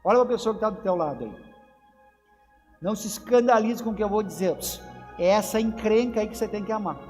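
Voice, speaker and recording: A man's voice: sits high, expressive, a little fast, a little mellow. A Brazilian man, a pastor, preaching an emphatic sermon in church and calling out to the congregation. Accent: Brazilian Portuguese. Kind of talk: lively Pentecostal sermon. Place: church sanctuary. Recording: church hall reverb with faint music.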